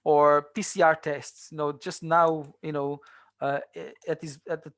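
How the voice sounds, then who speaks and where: A man's voice: fairly high pitch, little pitch movement, measured pace, fairly bright tone, no echo. A man tutoring translation students in a seminar, talking in a conversational way with many fillers and restarts. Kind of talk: online seminar lecture.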